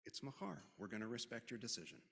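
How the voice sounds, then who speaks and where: Service leader, male, mid-pitched, wry asides while giving announcements, worship-hall reverb. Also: sing-song, fast, creaky, a bit bright. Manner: joking, informal asides. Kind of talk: conversational announcements at a religious service.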